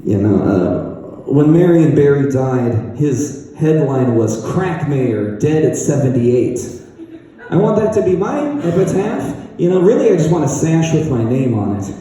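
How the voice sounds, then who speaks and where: Rambling comedian in an echoey bar. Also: male voice, on the high side, very animated, moderate pace, recorded from a distance, a crowd in the background. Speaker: stand-up comedian. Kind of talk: stand-up comedy set. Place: comedy bar open mic.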